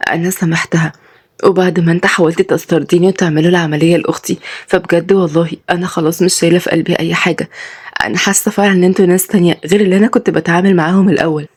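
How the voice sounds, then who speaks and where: A woman's voice: on the low side, a little mellow, husky. A woman voicing a kind, devout young woman who speaks sincerely and reassuringly in Egyptian Arabic.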